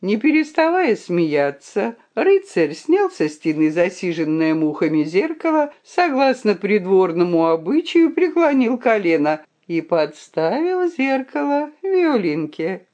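Slow animated woman storyteller. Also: mid-range voice. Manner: dramatic, animated reading. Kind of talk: expressive storybook reading.

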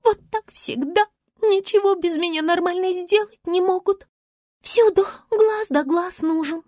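A woman voicing a small, grumpy and dramatic female magic star in a storybook tale, with a shrill, squealing delivery. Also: unhurried, a little mellow, dry recording, studio quality. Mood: grumbling.

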